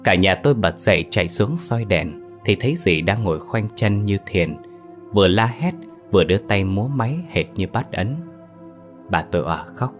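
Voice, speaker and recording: A man narrating a horror story in a steady, somber way. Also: lowish voice, normal speed. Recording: faint background music.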